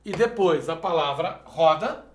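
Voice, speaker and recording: A man's voice: on the high side, expressive, a little slow, roomy sound. A male math teacher solving exercises step by step in a video lesson, checking in with the viewer as he goes. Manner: methodical, explains step by step, asks "perfeito?".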